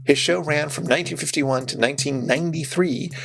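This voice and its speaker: A man's voice: a little high, brisk, creaky. A man co-hosting a podcast, giving informal, wry commentary and trivia about a film. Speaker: podcast co-host. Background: music.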